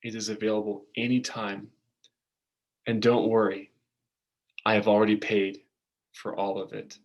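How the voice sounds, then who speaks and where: A man voicing a kind, generous man who offers free bread, speaking gently and warmly welcoming. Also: lowish voice, flat delivery, unhurried, muffled recording. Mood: gentle.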